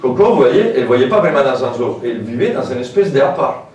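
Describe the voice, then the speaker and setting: A man's voice: medium pitch, big pitch swings, fairly quick, darkish tone, highs cut off. Male lecturer, casual, hesitant asides, distant mic in an echoey hall. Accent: French with a foreign lilt. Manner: informal, hesitant, many fillers and asides. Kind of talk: public lecture.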